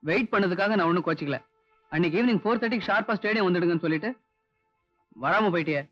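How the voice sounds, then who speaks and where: A man's voice: high voice, rapid-fire. An actor playing a devoted young man, hurt yet teasing, in 1980s Tamil film dialogue with English phrases mixed in. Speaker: film hero. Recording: dull lo-fi 1980s film soundtrack, faint music.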